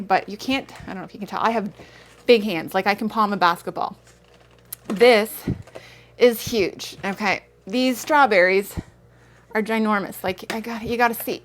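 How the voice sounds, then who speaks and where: A woman in her thirties chatting casually through a grocery haul vlog, rambling with self-aware asides. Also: medium pitch. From Canada. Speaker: vlogger.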